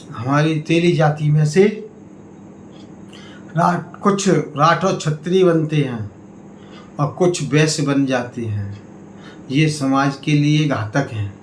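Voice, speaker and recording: A man giving a political speech to community members, in slow, emphatic oratory that swings between raised appeals and low warnings. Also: a little hiss or hum. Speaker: party state president. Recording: echoey room, faint ambience.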